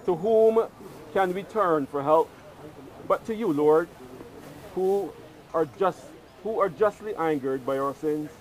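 A man's voice: a little high, takes it slowly, pauses often, rough recording. A clergyman solemnly declaiming scripture and prayers at an outdoor funeral. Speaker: officiating clergyman. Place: outdoor cemetery graveside. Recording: outdoor recording with noticeable background noise.

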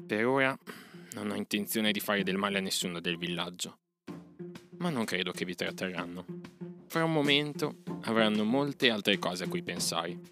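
A man's voice: lowish voice, lively intonation, normal speed, music in the background. A man reading aloud and voicing a proud young man raised by wolves, speaking firmly and with scorn for villagers. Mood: calm.

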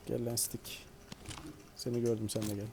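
A man giving casual, joking commentary over his own gameplay, often talking to the characters on screen. His voice sits at an ordinary middle pitch, with a faint hiss in the background. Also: completely flat delivery, moderate pace. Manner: playful, joking, talks to the game. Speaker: gaming video host. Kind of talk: casual let's-play commentary.

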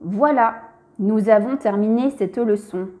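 A woman's voice: mid-range voice, measured pace, warm tone. A woman narrating a scripted reading lesson for young children, spelling out letters and syllables one by one and speaking to the child directly.

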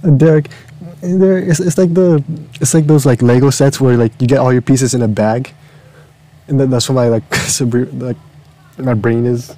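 A young man with a mellow, dark voice chats on a podcast over a call. He trips over his sentences. He defends himself with self-mocking humor. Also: medium pitch, normal speed. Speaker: podcast co-host and editor. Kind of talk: casual chat. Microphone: video call.

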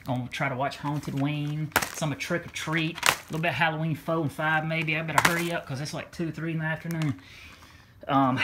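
A man talks loosely to his camera at home, rambling, cursing and perking up with delight as he opens things. Loud crinkling paper and clicks sit clearly behind his voice. His pitch sits in an ordinary middle range. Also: heavy background noise. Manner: rambling, swears freely, excitable. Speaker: vlogger unboxing a gift. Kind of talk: casual unboxing chat. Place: home room.

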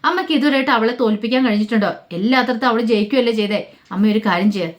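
A woman's voice: fairly high pitch, racing, close to an everyday voice. A woman voicing a sly scheming sister-in-law.

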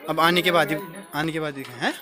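A man's voice: a little high, fairly even intonation, a little fast, loud music behind the voice, a loud crowd. A young man narrating a casual travel vlog while walking outdoors, talking into a handheld phone camera. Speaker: travel vlogger. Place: outdoors at a hill temple.

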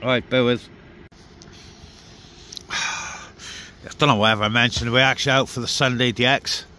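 Here the CB radio vlogger sounds steady and measured, his medium-pitched voice bright and forceful. He keeps up an easygoing chat with viewers from his soggy woodland camp, handling equipment and muttering to himself. Background noise comes through clearly on the outdoor camera.

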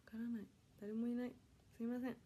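A woman in her early twenties from Kanagawa chats on a home livestream in a high, mellow voice. She is polite and reads viewer comments aloud, apologizing often. Faint noise sits under her voice. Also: little pitch movement, fast talker. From Kanagawa, Japan. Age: 20s. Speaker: idol audition livestreamer. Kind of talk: casual solo livestream chat.

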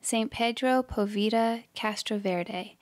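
A woman with a slightly high voice hosts a prayer podcast. She reads a scripted prayer slowly and carefully, in a prayerful tone. Soft guitar plays underneath her. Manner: slow, measured, prayerful. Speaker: podcast host leading prayer.

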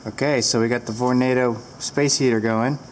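A woman's voice: very deep voice, steady tone, normal speed. A woman giving a casual, rambling product review with fillers, filmed on a handheld camera inside a large barn with the door open to the wind.

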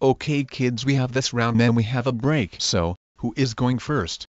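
A man's voice: medium pitch, normal speed, no echo, muffled recording, close to an everyday voice. A synthetic man voice as a stern cartoon dad. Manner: scolding, then yelling in fury. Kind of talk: text-to-speech fan animation.

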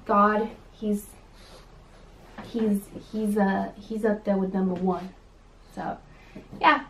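Casting note: woman in her twenties from California, relaxed unhurried chat, echoey room with faint hiss. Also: mid-range voice, distant mic. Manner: chatty and sassy, lots of ums. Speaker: vlogger. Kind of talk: casual chat. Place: home room.

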